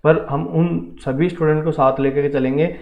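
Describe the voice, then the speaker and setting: A man's voice: on the high side, fairly even intonation, moderate pace. A man with an Indian accent teaching an online math lesson for defence entrance exams, explaining steadily and checking often that students follow. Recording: tinny phone-like audio with room echo.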